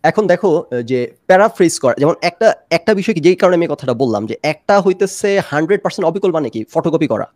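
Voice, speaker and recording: A man argues his case at a rapid clip with a slightly raised pitch. The sound is dry and close, with no room echo around him. He drops English phrases into his Bangla as he presses his points in a lively debate. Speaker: discussion panelist. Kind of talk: fast-paced debate.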